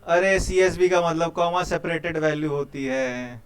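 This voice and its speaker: A man's voice: on the high side, moderate pace, smooth. Chatty Hindi-speaking coding teacher, man. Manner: chatty, quizzes students, keeps saying "bhai". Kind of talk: live coding class with students.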